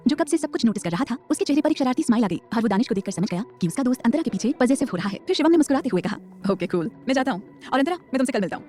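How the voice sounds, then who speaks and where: Rapid-fire woman narrating an audio romance. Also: high-pitched, warm tone. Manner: rapid, dramatic storytelling. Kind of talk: scripted audio-story narration.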